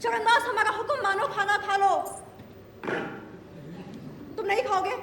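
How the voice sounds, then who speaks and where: A woman's voice: extremely high pitch, fairly even intonation, measured pace, fairly bright tone, heavily acted. A woman playing a proud, commanding queen with hidden troubles in a Hindi stage play, in a theatrical manner. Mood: indignant, commanding. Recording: roomy hall, distant mic, clearly noisy.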